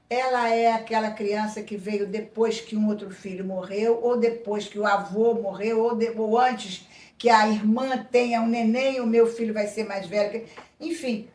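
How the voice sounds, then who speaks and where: A woman's voice: on the high side, darkish tone. A woman psychoanalyst explaining ideas in an interview, thoughtful and full of asides. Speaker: psychoanalyst guest. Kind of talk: reflective interview talk. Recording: echoey room, voice a bit far from mic.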